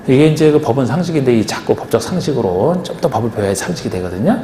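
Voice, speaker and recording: A real estate agent exam instructor lectures a class in a coaxing way, firing question after question at his students. He talks fast with a mid-range, mellow voice and lively intonation, recorded in an echoey lecture hall with faint noise.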